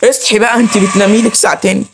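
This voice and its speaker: A man's voice: sits high, fairly even intonation, very fast, gravelly, heavy background noise. A man with an Egyptian accent hosting a let's play, chattering nervously to viewers and pleading with the game character. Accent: Egyptian Arabic. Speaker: gaming channel host.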